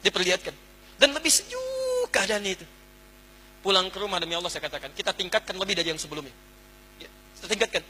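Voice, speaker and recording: Male preacher, high voice, echoey hall, animated sermon. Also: fast, pauses often, a little hiss or hum. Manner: animated, swings from hushed to exclaiming; addresses the audience directly with questions. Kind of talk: Islamic lecture to a congregation.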